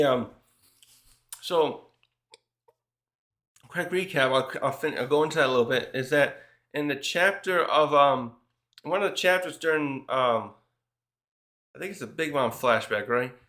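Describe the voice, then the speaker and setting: A man's voice: a little high, fairly bright tone. A man casually recapping a manga chapter, rambling with restarts and fillers as he reads out what the characters say. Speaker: manga reviewer.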